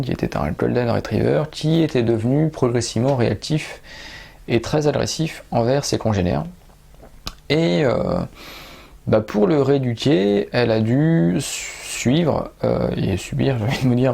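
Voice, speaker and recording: Male dog trainer, gravelly tone, halting casual book review. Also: medium pitch, darkish tone. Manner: hesitant, many "euh" fillers.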